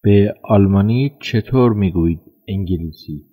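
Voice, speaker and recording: Man reading course instructions, lowish voice, tinny lo-fi audio, calm and measured. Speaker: language course narrator. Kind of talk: scripted language lesson instructions.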